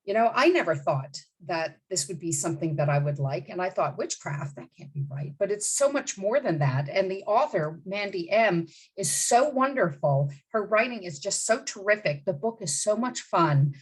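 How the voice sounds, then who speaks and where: A woman's voice: medium pitch, expressive, moderate pace, few pauses, breathy edge, low-quality recording. A woman in her fifties from the Bahamas, a literary agent answering interview questions in a direct, emphatic way. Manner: direct and emphatic, with many asides and restarts.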